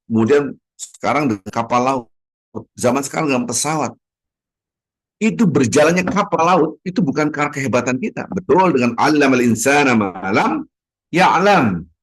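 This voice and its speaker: A middle-aged man from Indonesia preaching a dawn sermon in a mosque. His voice is mid-pitched and he tells his stories with a lot of drama, acting out short exchanges between people. He keeps switching between loud exclamations and soft, low asides. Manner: acts out little dialogues in sermon.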